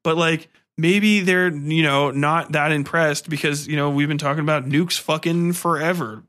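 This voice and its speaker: On his solo film-review podcast, the host's voice is a little high and fairly bright, with a steady tone and normal pace. Irreverent and slangy, he delivers a casual rant packed with curses and exasperated sarcasm.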